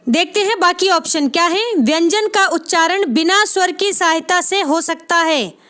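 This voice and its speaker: A woman teaching an exam-prep grammar lesson, who repeats key terms slowly, asks and answers her own questions, and keeps checking in with her viewers. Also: very high-pitched, fairly bright tone. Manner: frequent "theek hai" check-ins addressing viewers as friends.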